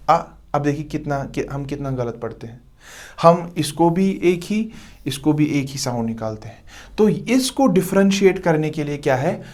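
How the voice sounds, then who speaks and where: A man teaching pronunciation in a recorded lesson, who repeats each letter slowly and keeps checking that the listener understands. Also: fairly high pitch. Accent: Urdu-Hindi speaker. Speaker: Quran recitation teacher.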